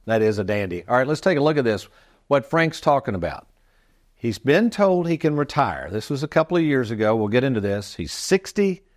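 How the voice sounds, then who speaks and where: On an indoor TV studio set, a man in his sixties hosts a financial advice show, explaining things to viewers in a folksy, emphatic manner. His medium-pitched voice is very animated and brisk.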